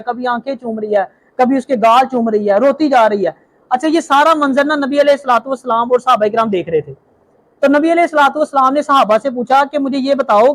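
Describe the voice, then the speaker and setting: A man's voice: very high-pitched, fairly bright tone. A young man preaching a religious talk, telling stories and asking rhetorical questions. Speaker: Islamic preacher.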